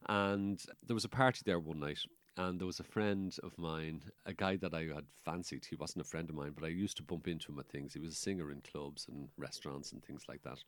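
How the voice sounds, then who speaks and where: Guest: Irish man in his 60s, low voice, dry close sound, animated anecdotal storyteller who chuckles as he talks. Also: fairly quick, few pauses, no room sound. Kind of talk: casual storytelling.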